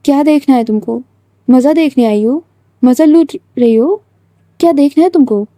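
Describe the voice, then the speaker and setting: A woman's voice: sits high, moderate pace, dark tone, no room sound, studio quality, lightly acted. A woman voicing a hot-tempered young female student who snaps and repeats angry questions.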